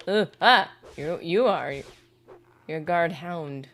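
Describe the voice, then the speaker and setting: Woman gaming streamer, slightly low pitch, loose chatty rambling, reads chat aloud. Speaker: gaming livestreamer. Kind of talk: casual livestream chat while gaming.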